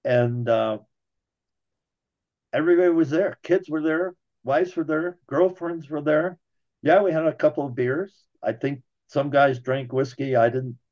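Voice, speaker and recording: A man's voice: on the high side, steady tone, measured pace, darkish tone, lo-fi sound. A man casually telling a personal story in a folksy way, talking straight to his listeners.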